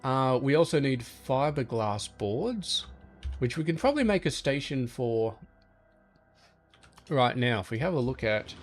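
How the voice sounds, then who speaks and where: Easygoing man thinking aloud. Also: mid-range voice. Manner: easygoing, thinking aloud, talks to game objects. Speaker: gaming channel host. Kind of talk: relaxed gameplay commentary.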